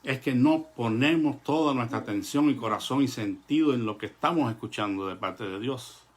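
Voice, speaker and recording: A man preaching a sermon to his congregation in an earnest, measured way, pausing often and filling gaps with "eh". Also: mid-range voice. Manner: earnest, measured delivery with pauses and "eh" fillers; addresses the congregation as brothers.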